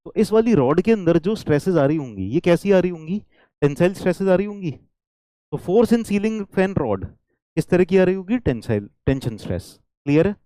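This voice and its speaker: Lively Hindi-speaking male engineering teacher. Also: high-pitched, fast talker, no room sound. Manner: checks in often with the class, repeats key points; switches into English lines. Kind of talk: engineering lecture.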